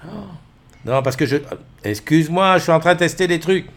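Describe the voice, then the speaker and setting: On a casual morning live stream from home, a middle-aged man speaks a little fast in a slightly bright voice that sits on the high side. He uses a desk mic with webcams, rambling with plenty of fillers and welcoming viewers by name.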